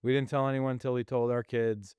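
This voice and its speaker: Smooth-voiced male podcast host, lively storyteller. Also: medium pitch, fairly quick, no room sound. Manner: animated, laughs often, acts out quoted voices. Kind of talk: casual storytelling chat.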